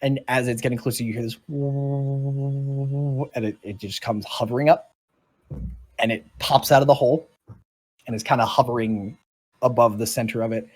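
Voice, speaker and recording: Brief: man with a husky voice narrating a game loosely and casually. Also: mid-range voice, fairly even intonation, a little fast, pauses often, a little mellow. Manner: casual and rambling, with many restarts. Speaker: dungeon master.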